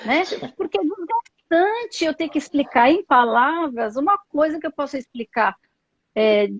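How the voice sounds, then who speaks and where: Speaking at a normal speed in a high, animated voice, a woman psychologist with a Brazilian Portuguese accent joins a live video call as a guest. She is thoughtful, full of fillers and tag questions, and the dull lo-fi call audio has no room sound.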